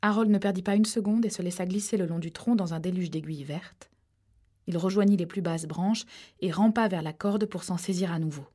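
A woman reading a suspense novel aloud, steady and measured. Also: fairly low pitch, breathy edge. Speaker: audiobook narrator. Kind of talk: scripted narration.

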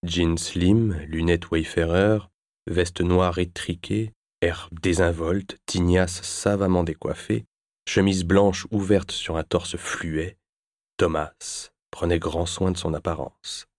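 A man narrating an audiobook chapter in a measured, even storytelling manner, recorded on a close mic. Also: sits low, dry recording. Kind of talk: scripted narration.

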